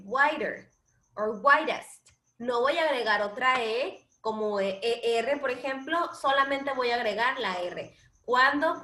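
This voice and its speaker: A high, bright-voiced woman teaching a grammar lesson in a classroom. She speaks slowly, stretching each example word and pausing to check the class keeps up. The sound rings with noticeable room echo. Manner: slow, drawn-out English examples, frequent checks with the class. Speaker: English teacher.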